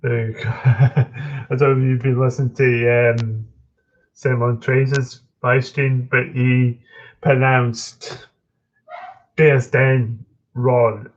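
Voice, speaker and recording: Slow-talking Scottish man on a lo-fi stream. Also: mid-range voice, flat delivery. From Scotland. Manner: halting, with frequent ums and restarts. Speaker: live streamer answering chat. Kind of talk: casual live-stream chat. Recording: dull lo-fi stream audio.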